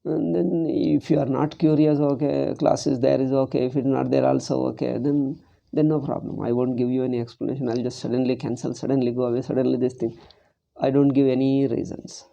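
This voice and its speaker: A man with a South Indian accent teaches in an informal spiritual lecture. His voice is very dark and muted, with a creaky grain. He makes his points emphatically, repeating phrases and posing rhetorical questions. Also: mid-range voice, little pitch movement, brisk, highs cut off. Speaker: Vedanta teacher.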